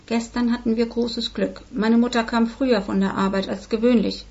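A woman's voice: fairly high pitch, fairly even intonation, moderate pace, darkish tone, muffled recording, close to an everyday voice. A woman voicing a sulky, defiant thirteen-year-old girl who whines and pleads, in a storybook reading. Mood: confiding. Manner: whiny pleading.

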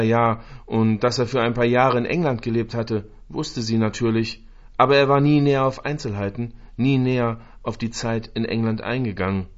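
Measured man reading a story aloud. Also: lowish voice, lo-fi sound. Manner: slow, measured, emotive with long pauses. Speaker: narrator.

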